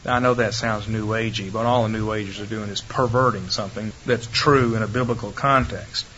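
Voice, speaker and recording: A man giving a Bible lecture to a live audience, emphatic and demonstrative, speeding up and slowing down and shifting loudness to make his points. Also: on the low side, fairly even intonation. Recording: dull lo-fi archive recording with faint hiss.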